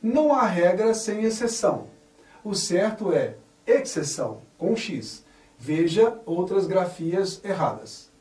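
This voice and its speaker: A man's voice: sits high, very animated, slow, darkish tone. A man teaching a Portuguese grammar lesson, reading example sentences and stressing each correct form with care. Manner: spells out words carefully, stressing correct forms. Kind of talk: slow, deliberate grammar lesson. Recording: echoey room, voice somewhat far from mic.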